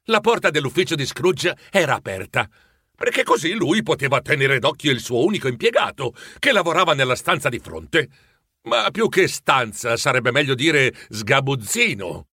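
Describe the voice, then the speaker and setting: A man narrating a storybook in an expressive, animated way. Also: mid-range voice, moderate pace, slightly rough, dry recording, clean studio sound.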